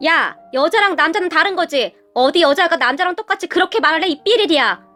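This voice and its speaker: A man's voice: very high-pitched, expressive, brisk, bright, forceful tone, soft background music, exaggerated voice. A woman voicing a petty, short-tempered young husband who turns whiny and pleading. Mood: angry.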